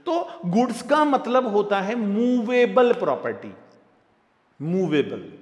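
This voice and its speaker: A high-voiced man with an Indian accent teaches at an unhurried pace, repeating points and calling his students dear. His voice carries a long reverb, as if spoken in a hall. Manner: lively and repetitive, addressing students as dear. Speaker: tax lecturer. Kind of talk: classroom lecture.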